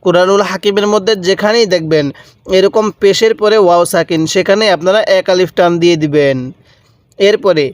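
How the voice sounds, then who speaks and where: A high-pitched man gives a step-by-step lesson on reading Quran letters, recorded with no echo. He patiently repeats each syllable and draws it out.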